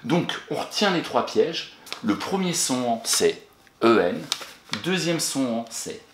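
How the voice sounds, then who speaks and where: Male primary teacher, animated and encouraging, spells words out slowly, echoey room with light hiss. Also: mid-range voice. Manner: encouraging, talks to an absent pupil and pauses for answers. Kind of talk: recorded spelling lesson for a child. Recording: echoey room with faint noise.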